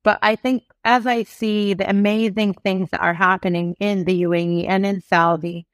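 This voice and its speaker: A middle-aged woman speaks as a podcast guest, articulate and emphatic, building her points with energy. Her voice sits at an ordinary middle pitch. The recording is dry and close, with no room sound. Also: fairly even intonation, normal speed, no echo. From United Kingdom. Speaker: guest, e-commerce executive. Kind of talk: podcast interview.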